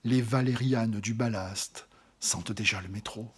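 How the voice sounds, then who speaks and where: In a fairly low, slightly rough voice, a man delivers a slow, theatrical poetry recitation. He frequently falls to an intimate whisper before swelling in volume on some phrases.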